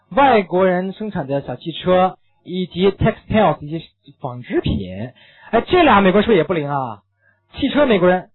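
A man lectures through an English reading passage, firing off rhetorical questions at his students. His voice sits high and husky. The recording is thin and tinny, like a phone line. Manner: animated, asks many rhetorical questions, mixes in English phrases. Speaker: English teacher.

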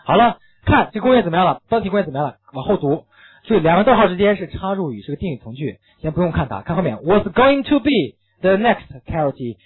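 A man teaching an English reading lesson, animated and full of rhetorical questions, slipping English phrases into his lecture. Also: high-pitched, very fast, husky. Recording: tinny phone-like recording.

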